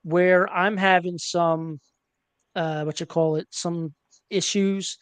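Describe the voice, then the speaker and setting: Smooth-voiced man hosting casual sports talk. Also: high-pitched, steady tone, slow pace, dry recording. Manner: chatty, hesitant with many fillers. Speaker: podcast host.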